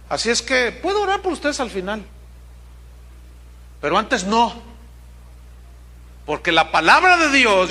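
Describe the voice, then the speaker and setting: A man preaching a sermon as pastor, telling stories and reading scripture with lively acted-out quotes. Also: sits high. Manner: animated preaching, acts out quoted people.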